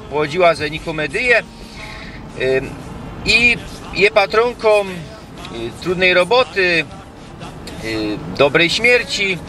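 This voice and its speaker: Bright, high-voiced man with Silesian accent. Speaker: vlog presenter. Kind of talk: informal explanatory vlog in Silesian dialect. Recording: distant mic, music behind.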